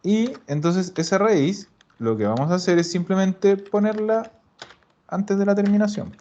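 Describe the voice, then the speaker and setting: Guy teaching a class online, raised pitch, keeps asking "ya?", dull lo-fi sound. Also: measured pace, dark tone. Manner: patient, repeats and checks understanding with "¿ya?". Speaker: Italian teacher.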